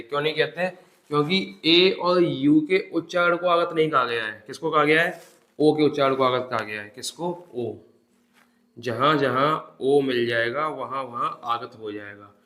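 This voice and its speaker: A man's voice: medium pitch, measured pace, a bit bright. A man teaching Hindi grammar for an exam-prep class. He asks the class questions, answers them himself and drills each term by repeating it. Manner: calls the students "bhai", drills terms by repetition. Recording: echoey room.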